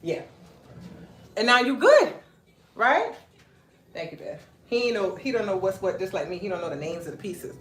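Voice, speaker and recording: Speaking at normal speed with frequent pauses, this mid-range woman's voice carries a Gullah Geechee accent from Beaufort, South Carolina. As a clothing brand owner on a home live stream, she chats animatedly about fashion and throws teasing asides at her husband. There's slight background noise and an echoey room.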